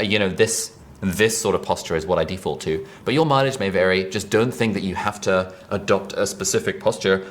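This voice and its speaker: A man's voice: sits low, a little hiss or hum. A British man teaching an online course, talking casually and chattily to camera from a desk. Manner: relaxed, chatty, fast-talking. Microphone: mic above speaker, seated at desk.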